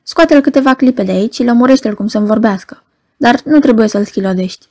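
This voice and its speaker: A woman reading the lines of a stern, ailing Roman procurator, speaking quietly in a flat monotone without raising her voice. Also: on the high side. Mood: cold. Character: cold ailing Roman procurator, stern middle-aged man.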